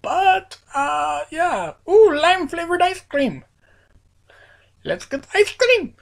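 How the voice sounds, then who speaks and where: A very high-pitched, gravelly woman with a sing-song lilt takes her time commenting on a video game. She's a gaming channel host nursing a cold, so her voice cracks as she rambles playfully with plenty of fillers.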